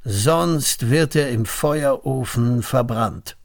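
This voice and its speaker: A man voicing a king's herald in a storybook reading, proclaiming loudly. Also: mid-range voice, takes it slowly, gravelly.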